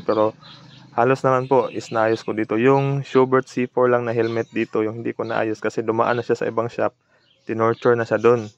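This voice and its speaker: In a mid-range voice, a man who repairs electronics and hosts videos narrates a relaxed repair vlog plainspokenly, sprinkling in English terms. The audio sounds dull.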